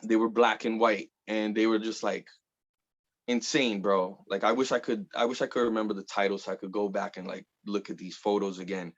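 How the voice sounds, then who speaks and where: A guest artist in his thirties from the Bronx, New York, chats loosely in an interview, full of fillers and casual swearing. His voice is lowish with fairly even intonation, he talks briskly, and the sound is lo-fi.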